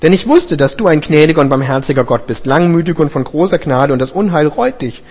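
A man's voice: fairly high pitch, lively intonation, brisk, a little mellow, husky, big-room sound. A man voicing a weary, bitter runaway prophet who pleads and confesses, in a scripture reading. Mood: earnest.

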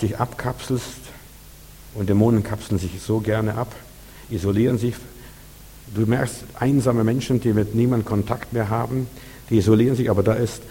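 A man's voice: mid-range voice, dark tone, in a large hall, slight background noise. A man preaching a sermon in an earnest, repetitive way, speaking straight to his listeners.

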